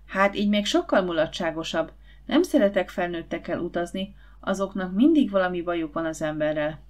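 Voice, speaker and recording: A woman's voice: on the low side, lively intonation, a little mellow, close to an everyday voice. A woman narrator voicing a bold, dismissive schoolboy in a storybook. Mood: cocky. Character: bold schoolboy who scorns traveling with adults.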